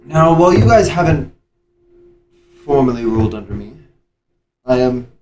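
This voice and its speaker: A man's voice: big pitch swings, moderate pace, recorded from a distance, crowd noise. A man doing a devil lord's magically amplified voice. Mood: proclaiming. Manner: grand, booming proclamation. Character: newly made male devil lord addressing his town. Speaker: tabletop game player. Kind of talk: in-character speech in a tabletop game.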